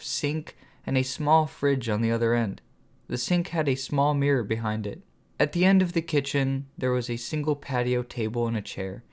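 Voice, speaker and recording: A man, author and narrator, reading his own story in first person at a steady, measured pace. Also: mid-range voice.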